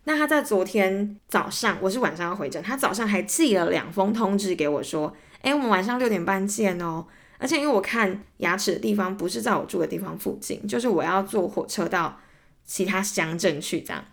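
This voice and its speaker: A woman's voice: medium pitch, a little fast. Heated Taiwanese woman venting on a podcast. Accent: Taiwanese Mandarin. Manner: animated, acts out both sides of arguments; gets heated and exasperated while retelling. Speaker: podcast host. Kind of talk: casual solo ranting storytelling.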